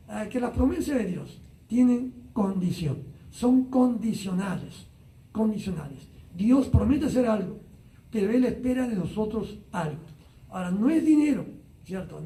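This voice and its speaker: High-voiced preacher in a roomy echo. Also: male voice, mellow, far from the mic. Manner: unhurried, many "ah" fillers and tag questions. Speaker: pastor. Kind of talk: Bible study teaching. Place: church Bible study streamed live online.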